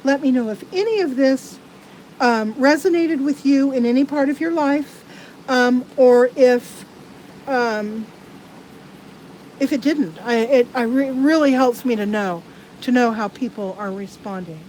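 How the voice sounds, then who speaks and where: A woman giving live tarot card readings to viewers. She talks in a halting, earnest way with many restarts. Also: high-pitched, darkish tone, slight background noise, low-quality recording.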